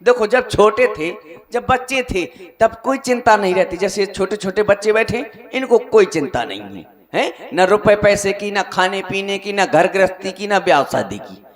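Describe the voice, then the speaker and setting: A man's voice: high voice, lively intonation, normal speed, long reverb tail. A man performing a self-mocking comic monologue as a stage joker at an open-air village show. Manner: drawling, self-mocking storytelling. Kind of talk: folk stage comedy monologue.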